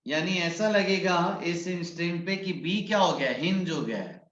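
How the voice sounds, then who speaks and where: A man's voice: sits high, animated, normal speed, a bit bright. A man teaching a physics class online, coaxing his students and calling on them by name, mixing English physics terms into his explanations. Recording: muffled echoey room.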